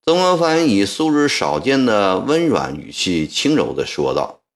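A male storyteller narrating a historical tale with expressive, dramatic delivery. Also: on the low side, a little slow.

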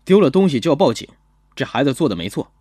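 A gentle young policeman. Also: medium pitch, big pitch swings, breathy edge, no echo. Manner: measured, gentle storytelling. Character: young male police officer, calm and gentle. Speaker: first-person narrator. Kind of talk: audio drama narration.

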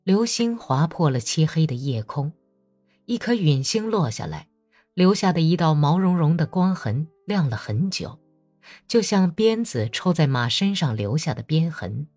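A woman narrating a novel as an audiobook, measured and expressive in her storytelling. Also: sits low, no echo, faint music behind.

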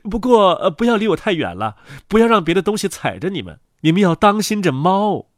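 Man putting on a high fussy mother duck, storybook, lively swooping voice, dry close sound. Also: brisk, no room sound. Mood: proud, bossy. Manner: fussy, bossy and doting. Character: proud bustling mother duck, female.

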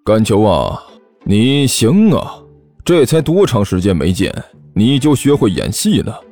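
A man's voice: on the low side, sing-song, unhurried, mellow, faint music behind, exaggerated voice. A man voicing a stern school teacher who sneers and scolds. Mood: sneering. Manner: cold, sneering.

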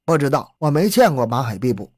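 A man's voice: medium pitch, big pitch swings, brisk. A man voicing a sullen old rural woman who curtly denies everything, in a true-crime storybook reading. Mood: denying.

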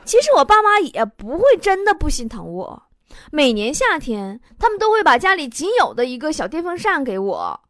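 A woman's voice: high voice, huge pitch swings, normal speed, a bit bright. A young woman hosting a comic storytelling monologue in a wry, self-mocking, chatty way. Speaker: host.

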